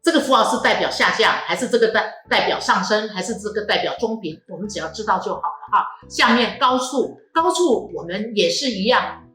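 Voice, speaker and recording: A woman teaches the tones of her language, explaining patiently and sounding out each syllable slowly. Her voice rings in an echoey room, with faint music underneath. Her pitch sits in the middle. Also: expressive, a bit bright. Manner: patient, explanatory, drawn-out vowels and modelled syllables. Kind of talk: classroom tone lesson.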